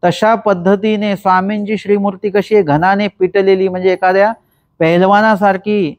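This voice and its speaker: A man with a Marathi accent and a fairly high voice gives a devotional scripture talk. He reads old verses slowly, then explains each one, often asking rhetorical questions. The sound is close and dry. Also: flat delivery, no echo. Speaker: religious discourse speaker.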